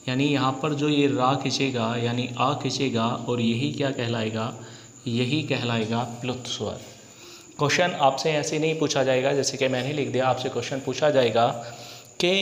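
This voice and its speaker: A Hindi teacher lecturing a class for exam prep. He asks rhetorical questions and answers them himself, and he repeats key points slowly. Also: mid-range voice, echoey room, in a large hall.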